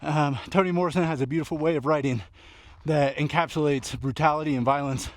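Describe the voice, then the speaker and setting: A man's voice: on the high side, steady tone, brisk, no room sound. A man, out of breath, talking casually in short phrases about books while running outdoors. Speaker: book reviewer vlogger. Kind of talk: casual book recap vlog recorded on a run. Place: outdoors at night.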